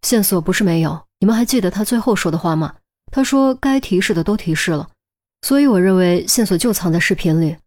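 A woman voicing a calm, reasoning older male detective in an audiobook, measured and explanatory. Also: fairly low pitch, close to an everyday voice.

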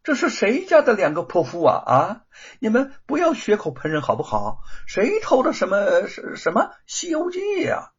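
A man's voice: big pitch swings, slow, vocal fry, husky, lo-fi sound, full character voice. A man voicing a scheming, mocking villainous woman in a told story, stammering when frightened. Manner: mocking, shrill denials, stammers when scared. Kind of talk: storybook character voice.

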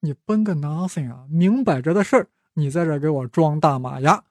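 A cunning ancient court advisor in a spoken history story who pretends to be calm, as a man narrator puts him on. He needles in a falsely composed tone, slightly high and dry. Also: brisk, dry recording. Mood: needling.

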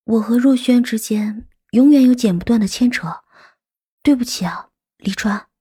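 A man voicing a gentle young woman torn between two men, in a high falsetto for an audiobook. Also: normal speed, husky, no room sound, studio quality, exaggerated voice. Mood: apologetic. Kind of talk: audiobook character voice.

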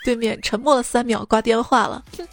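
A woman hosting a joke podcast, reading the jokes in a teasing way. Her voice sits somewhat high and leaps even higher when a punchline lands. Soft music plays underneath. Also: a little fast. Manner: teasing, jumps to high excited tones on punchlines. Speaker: host.

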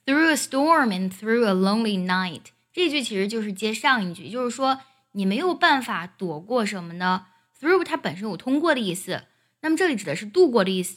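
A woman teaching an English song, explaining each line and singing it slowly as a demonstration. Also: mid-range voice. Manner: explains pronunciation, then sings demo phrases.

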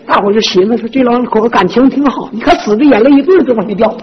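A performer playing a sharp-tongued, bossy older village godmother in a comic folk stage duet, with a Northeastern Mandarin accent and a brash, scolding, gossipy way of telling stories. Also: mid-range voice, racing, close to an everyday voice. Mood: scolding gossip. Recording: echoey stage, dull lo-fi sound, faint hiss.

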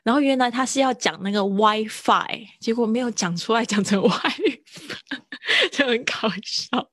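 A woman's voice: on the high side, normal speed, a bit bright, dry recording, studio quality. A woman English teacher, giving a live-streamed lesson in a chatty, patient way with frequent laughter.

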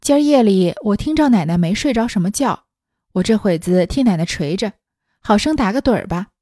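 Lady doing a soft-spoken loyal maid, coaxing and soothing, warm mellow tone, dry sound. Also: medium pitch, animated, brisk, dry recording, close to an everyday voice. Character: gentle loyal young female maid.

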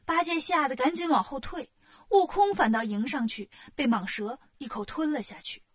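A woman reading a children's storybook aloud, narrating in a lively, expressive way. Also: sits high, moderate pace.

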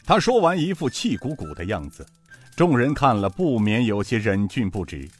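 A man narrating a serialized martial-arts story in an expressive, animated way. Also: on the low side, moderate pace, breathy edge, faint music behind.

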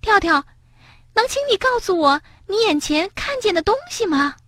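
A woman voicing a small blind male mole in a storybook, with a high, quick, chirpy voice. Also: expressive, a bit bright, dry recording, studio quality. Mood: curious. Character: grumpy then gentle little blind male mole.

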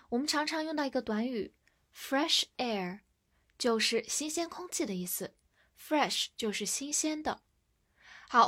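Slow-paced female English teacher. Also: a little high. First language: Chinese. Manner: spells words letter by letter and reads example sentences very slowly for repetition. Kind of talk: vocabulary lesson, spelling words and reading example sentences slowly.

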